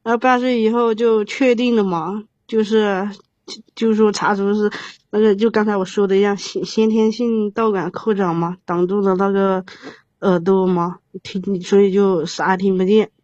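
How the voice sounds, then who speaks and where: A woman in her thirties, halting and rambling, with many restarts. The sound is dull and lo-fi, and the recording is dry. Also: medium pitch, fairly even intonation, darkish tone, no room sound. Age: 30s. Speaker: caller. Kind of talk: emotional advice call.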